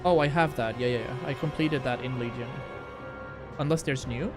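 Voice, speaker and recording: Medium pitch, normal speed: a man livestreaming as he plays a video game. He chats casually and in slang with his viewers, game music sounding in the background.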